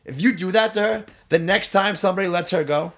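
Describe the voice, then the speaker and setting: A man's voice: high voice, quick pace, a bit bright. Swearing man giving mock pep talks. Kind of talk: casual banter.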